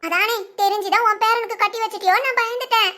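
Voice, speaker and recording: A woman's voice: very high voice, steady tone, quick pace, sharp tone. A woman acting a nosy, gossiping village woman who pries and wheedles. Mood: prying.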